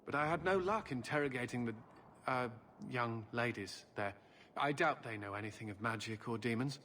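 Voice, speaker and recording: An actor playing a commanding, dutiful Templar knight-captain, formal and earnest in a fantasy video game. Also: male voice, mid-range voice, normal speed, pushed and bright, a little hiss or hum, close to an everyday voice. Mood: earnest, troubled.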